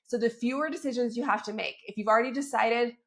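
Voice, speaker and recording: Talking at a quick pace, a fitness coach with a cold gives a coaching talk on her solo podcast, her voice crackly and slightly squeaky. She's cheerful and chatty, often asking "right?" and "okay?" to check in.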